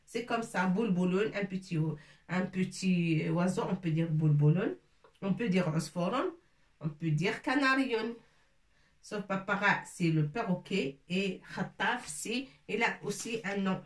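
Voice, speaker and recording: A woman's voice: mid-range voice, unhurried. A woman teaching a lesson, speaking patiently, repeating each word and checking that her listeners follow. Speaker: Arabic teacher. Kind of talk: slow explanatory lesson, French mixed with Arabic terms. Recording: echoey room, voice from a distance.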